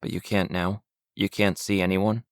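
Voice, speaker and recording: A man's voice: low-pitched, little pitch movement, moderate pace, dry recording, studio quality, natural voice. A man reading the lines of an uneasy, hesitant man haunted by a ghost, in an awkward, faltering way, in an audiobook.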